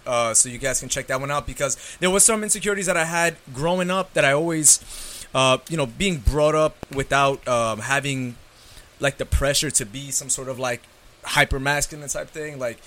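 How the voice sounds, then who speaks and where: A man's voice: mid-range voice, fairly quick, pushed and bright. A young man in his twenties co-hosting a casual podcast, rambling frankly with lots of fillers. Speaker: podcast co-host. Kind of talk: casual chat.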